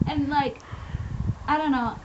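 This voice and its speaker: A woman's voice: high-pitched, steady tone, slow pace. A young woman from New England telling a personal story in a casual, rambling way with many fillers, on a webcam mic. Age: young adult. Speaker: vlogger. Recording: dull lo-fi with loud hiss.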